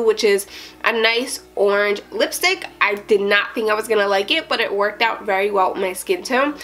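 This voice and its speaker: A woman's voice: on the high side, fairly bright tone. A woman chatting casually as a beauty vlogger, a little out of breath, narrating each makeup step as she works.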